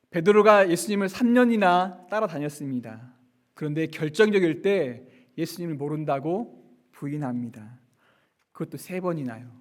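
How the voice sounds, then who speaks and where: A male pastor delivering a sermon, asking his listeners rhetorical questions and rising and falling for emphasis. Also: high voice. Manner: rhetorical questions, acts out quoted lines softly.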